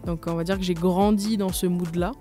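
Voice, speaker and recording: Mellow-voiced young New woman. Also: fairly low pitch, fairly even intonation, a little fast, soft background music. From New Caledonia. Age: 20s. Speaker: guest, company manager. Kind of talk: radio interview.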